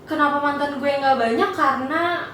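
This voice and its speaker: A woman in her twenties co-hosting a casual podcast, easygoing and quick to agree. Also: sits high, fairly bright tone. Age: 20s. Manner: easygoing, agrees a lot with short replies. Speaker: podcast co-host. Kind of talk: casual chat. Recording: echoey room, far from mic, faint noise.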